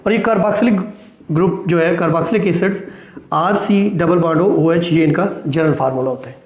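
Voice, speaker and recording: A man from Pakistan with a slightly high voice teaches a chemistry lesson at a board, speaking at a moderate pace in a reverberant space. He asks questions and answers them himself, frequently checks in with "right?", and mixes English technical terms into his speech.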